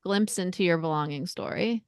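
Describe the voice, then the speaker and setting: Smooth-voiced woman hosting a podcast. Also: on the low side, fairly quick, no echo, studio quality. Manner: warm, gentle and affirming. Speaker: podcast host. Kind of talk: interview questions.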